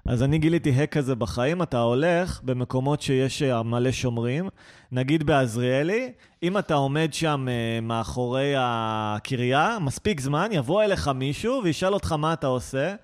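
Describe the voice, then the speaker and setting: A man hosting a comedy podcast in casual chat, playful and wry, who steers the conversation. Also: mid-range voice.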